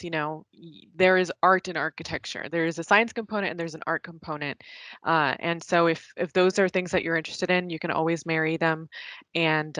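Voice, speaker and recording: A woman with a slightly low voice moderates an online career panel. She sounds friendly and welcoming, pausing now and then on fillers. The sound is dry and close to the mic. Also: fairly bright tone, no echo. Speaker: university field representative and moderator.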